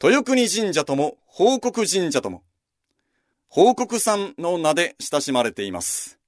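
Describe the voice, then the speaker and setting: Lively Japanese man narrating history. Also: high voice, unhurried, no echo, clean studio sound. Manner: lively, conversational storytelling with asides.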